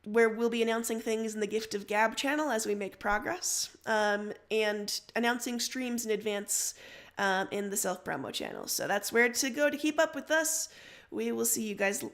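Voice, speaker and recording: Here a livestream host with a fairly high, somewhat bright voice reads stories at a moderate pace. Between the narration, she chats casually with her viewers.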